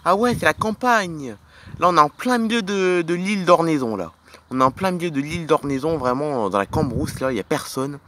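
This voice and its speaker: A man's voice: on the high side, animated, a little fast, noisy background. A man narrating a playful toy film as a dad, pointing things out to the kids with enthusiasm.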